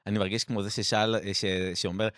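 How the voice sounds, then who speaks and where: A man's voice: lowish voice, little pitch movement, fairly bright tone, no room sound, studio quality. A man co-hosting a podcast asks questions in a joking way and laughs often. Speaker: podcast co-host. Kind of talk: podcast conversation.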